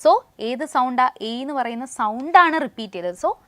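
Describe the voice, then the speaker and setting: Malayali woman teacher, high voice, quizzing students, dry close sound. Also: expressive, dry recording. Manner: quizzing, reads English definitions slowly. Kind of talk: online class lesson.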